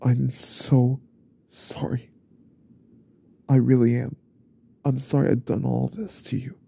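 A young man voicing an unstable, remorseful young husband in a whispered role-play, stammering and repeating himself in a husky, often whispered voice. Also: mid-range voice, flat delivery, slow pace, warm tone, full character voice. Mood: pleading. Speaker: ASMR role-play creator.

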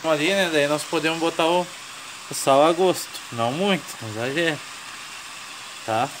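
Here the southern Brazilian home cook chats about his recipe at a moderate pace, voice on the high side, keeping things colloquial, jokey and explanatory. Loud sizzling and stirring from the pan beside him run through the whole clip.

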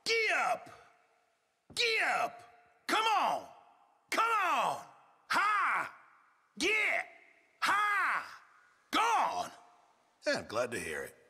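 A hearty middle-aged camp cook. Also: male voice, mid-range voice, gravelly, slightly rough, long reverb tail, exaggerated voice. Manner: shouted horse-driving calls, then mild small talk. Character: gruff middle-aged male camp cook, good-natured. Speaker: video game character. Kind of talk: game voice lines.

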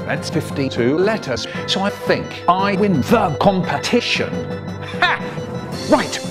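A man's voice: big pitch swings, takes it slowly, music in the background. A man whose speech is spliced together word by word from recordings, so it sounds choppy and boastful in a comic rant. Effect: spliced together words cut from recordings, pitch and loudness jumping between words. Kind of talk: comic sentence-mixing rant.

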